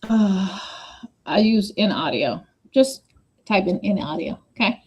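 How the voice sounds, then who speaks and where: A woman hosting a casual livestream chat on a video call, talking fast and jumping between points with many asides. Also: mid-range voice, animated, darkish tone, slightly rough, lo-fi sound. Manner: fast, scattered, chatty with repeated asides.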